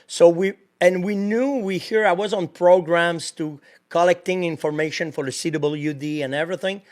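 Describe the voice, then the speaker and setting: High-voiced man with a French accent. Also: moderate pace. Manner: animated, laughs often, searches for English words. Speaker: guest. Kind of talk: casual interview.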